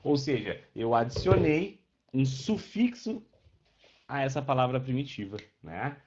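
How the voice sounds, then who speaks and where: A man's voice: mid-range voice, lively intonation, measured pace, darkish tone. A man, teaching a live online class and patiently checking in with his students as he explains. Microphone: webcam microphone. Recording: dull lo-fi online class audio.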